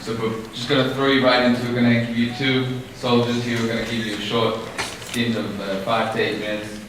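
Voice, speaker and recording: A man in his twenties organizing a visit, making brisk, matter-of-fact announcements in a large school hall. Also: medium pitch, level tone. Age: 20s. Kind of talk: brief announcements. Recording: echoey hall, voice from far off, noisy.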